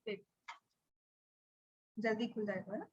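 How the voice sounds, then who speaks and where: A woman's voice: medium pitch, takes it slowly, a little mellow, slight background noise. A woman maths teacher giving a class lesson, mixing Hindi and English and often checking that students follow. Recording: dull lo-fi recording.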